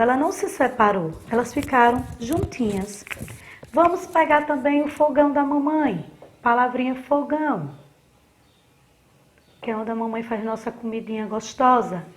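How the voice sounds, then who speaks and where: A primary school teacher from Sergipe, Brazil, records a remote lesson for children. Her voice sits on the high side, and she is patient and fond of diminutives.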